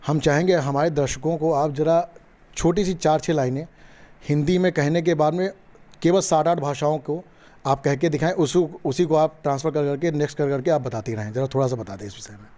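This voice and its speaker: A male interviewer whose voice sits a little high but sounds dark and mellow. He asks rambling, formal questions and leans on the same filler phrases again and again. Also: a little fast. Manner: long-winded, repeats filler phrases.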